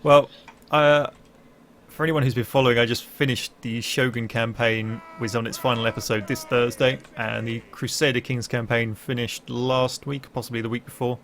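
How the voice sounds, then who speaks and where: A young man streaming a strategy game, chatting casually and making deadpan jokes. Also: mid-range voice, moderate pace, a little hiss or hum. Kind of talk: casual gaming chat.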